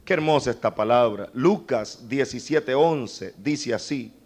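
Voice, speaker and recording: A man's voice: animated, unhurried, a little mellow. A man preaching a sermon, impassioned, speaking directly to the congregation as brother and breaking into humorous asides. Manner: impassioned, with sudden leaps to high cries and humorous asides.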